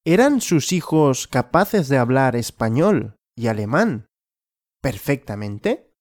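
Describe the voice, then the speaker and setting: Slow, animated male language teacher. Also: medium pitch, no echo, clean studio sound. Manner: slow, clear and repetitive, asking and answering his own questions. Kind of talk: question-and-answer story lesson.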